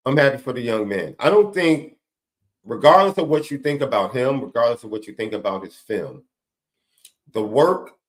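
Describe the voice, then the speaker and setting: A man co-hosting a casual sports talk show, relaxed and conversational. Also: medium pitch. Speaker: co-host and recruiting analyst.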